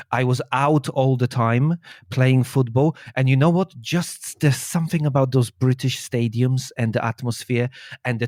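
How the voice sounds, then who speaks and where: A man's voice: mid-range voice, darkish tone, no echo. Guy, 30s, chatting on a call, keeps restarting his words, dry close sound. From Poland. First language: Polish. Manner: hesitant, repeats words while finding his thoughts. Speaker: guest, urban explorer and maths teacher. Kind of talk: casual interview chat.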